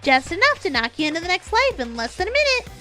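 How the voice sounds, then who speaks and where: A woman's voice: very high-pitched, sing-song, fast talker, sharp tone, faint music behind, voice pushed up, full character voice. A woman voicing a gleefully sinister killing game announcer, mocking and singsong, toying with captives in a theatrical villain announcement. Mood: gleeful menace.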